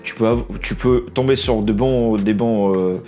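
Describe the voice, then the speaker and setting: A young vlog host with a low, dark voice speaks off the cuff in French, not his first language, with a Portuguese accent, and faint music sits in the background. He wants to be a trailer editor. He's losing his voice, and he stumbles, restarts frequently, and belittles himself.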